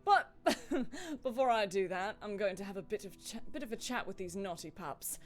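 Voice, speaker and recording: A woman voicing a jovial, stocky male dwarf druid, speaking in a booming, hearty way. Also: animated, moderate pace, natural voice.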